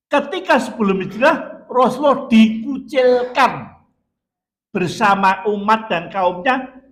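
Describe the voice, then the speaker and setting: A middle-aged man with a Javanese accent preaching a dawn sermon in a mosque, telling stories in an animated way and acting out the voices of people in them. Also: sits high. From Indonesia.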